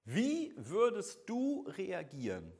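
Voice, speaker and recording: A man's voice: high voice, huge pitch swings, slow, darkish tone, breathy edge. German-speaking man preaching in a chatty way. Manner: conversational, asks the listener direct questions, acts out imagined voices. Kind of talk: sermon.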